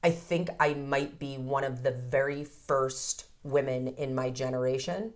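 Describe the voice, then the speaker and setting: A woman's voice: rumbling low, steady tone, unhurried. A woman in her fifties, a counselor, talking frankly and reflectively in a podcast interview, with the odd casual swear word. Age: 50s. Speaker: codependency counselor and ceremony guide.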